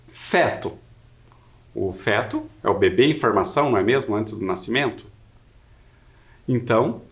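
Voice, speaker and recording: Slow, lively-voiced Brazilian teacher man. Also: mid-range voice. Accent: Brazilian Portuguese. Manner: slow, deliberate, repeats words to model pronunciation. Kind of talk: recorded video lesson.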